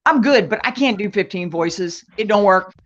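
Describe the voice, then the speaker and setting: A woman, a guest author and martial arts teacher, chatting in an interview in a slow, measured way and laughing easily. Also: medium pitch, lively intonation, noisy background. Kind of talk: casual interview chat. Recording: dull lo-fi sound.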